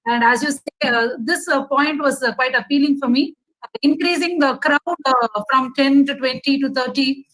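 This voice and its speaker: A woman's voice: sits high, fairly even intonation, normal speed, a bit bright, rough recording. A woman teacher giving polite, appreciative feedback on a webinar video call, with frequent hesitations. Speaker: faculty member.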